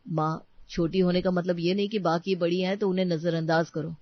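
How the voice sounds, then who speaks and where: A woman voicing a grown son who lectures his mother in a lower voice. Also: fairly even intonation, a little fast, dry recording, lo-fi sound, close to an everyday voice. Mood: lecturing.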